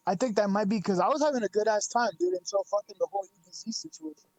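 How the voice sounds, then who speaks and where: A man's voice: sits high, quick pace, no room sound, rough recording. A man, a streamer, telling a story in casual chat, swearing freely and acting out what people said. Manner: profane, animated, acts out quotes. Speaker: guest, streamer.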